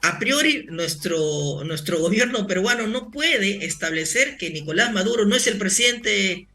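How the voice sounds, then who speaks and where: A man with a high-pitched, bright and tense voice argues as a guest in a broadcast debate. He is formal and argumentative, often repeating his phrases, with faint music behind him. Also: lively intonation, normal speed. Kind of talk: live broadcast political debate.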